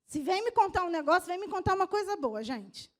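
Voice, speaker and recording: A woman pastor with a Brazilian Portuguese accent preaching a sermon in a conversational way, with a slightly strained voice, moving from soft asides to loud exhortation. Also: very high voice, sing-song, a little fast.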